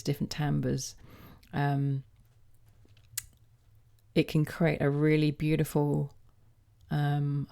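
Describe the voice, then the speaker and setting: Woman, low and mellow, easygoing teacher walking through a toning demo with soft hesitations. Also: gravelly. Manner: gentle, hesitant with frequent ums. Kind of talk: casual explanatory demonstration.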